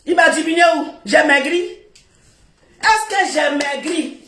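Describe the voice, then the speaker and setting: A woman with a West African French accent scolding someone on a live video, loud and repetitive, laughing as she talks. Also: high voice, a little slow, creaky, slight background noise. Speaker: social media personality. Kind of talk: heated live video rant. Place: seated on the floor indoors, filming herself. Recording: roomy echo.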